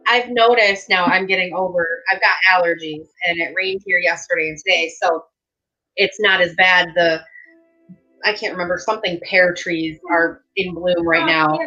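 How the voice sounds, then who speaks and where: A woman's voice: lowish voice, fairly even intonation, moderate pace, bright, forceful tone, muffled recording, soft background music. A woman from upstate New York hosting a casual livestream chat, talking in a rambling, storytelling way. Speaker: livestream host.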